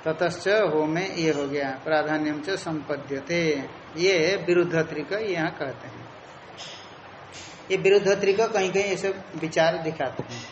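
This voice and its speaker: A man's voice: fairly high pitch, measured pace, roomy sound, muffled recording, a little hiss or hum. A man teaching a Sanskrit philosophy lecture, explaining step by step and repeating the key terms.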